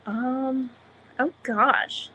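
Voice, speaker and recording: A woman's voice: high-pitched, steady tone, drawn-out words, bright, forceful tone, slightly rough. A young woman being interviewed as a guest, giggly and rambling, with lots of fillers. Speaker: guest, racer. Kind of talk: casual interview.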